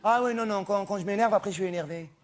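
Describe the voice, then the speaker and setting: A man's voice: high-pitched, fast, heavy background noise, close to an everyday voice. A man performing a stand-up monologue as a vain, chatty, flamboyant male cabaret performer who snaps at hecklers. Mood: gossipy. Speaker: comedian.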